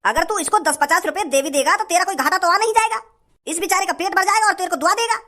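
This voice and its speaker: A man's voice: extremely high pitch, fast. An actor playing a rich, generous young man who lectures a stingy shopkeeper in a comedy sketch. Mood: lecturing. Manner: forceful, lecturing.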